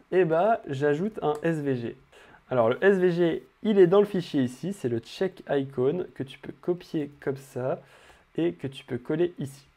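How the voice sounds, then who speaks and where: A man's voice: fairly high pitch, mellow. A young man walking viewers through building an interface in a casual screen-recorded coding tutorial, talking straight to the viewer with frequent fillers.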